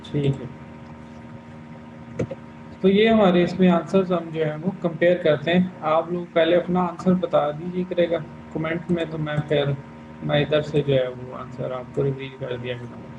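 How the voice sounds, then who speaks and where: A man's voice: fairly high pitch, steady tone, measured pace, highs cut off, noisy background. A man teaching Chinese tones in an online class, patiently going over students' answers one by one.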